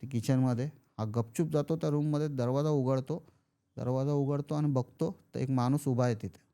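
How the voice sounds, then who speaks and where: Man telling a horror story, dark voice. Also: medium pitch, steady tone, moderate pace. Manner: acts out characters' lines in quoted speech. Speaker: podcast guest storyteller. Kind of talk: casual spoken horror storytelling.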